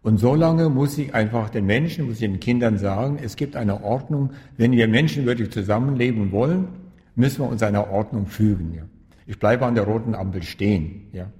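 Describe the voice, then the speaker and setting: A man answering interview questions as a spiritual teacher and author, calm and emphatic, repeating key phrases for stress. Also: fairly low pitch, brisk, in a large hall.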